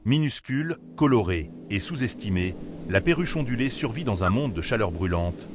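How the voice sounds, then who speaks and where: A man's voice: fairly low pitch, expressive, moderate pace, noisy background. A man delivering scripted wildlife documentary narration in a solemn, dramatic manner. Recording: narration over prominent music. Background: music.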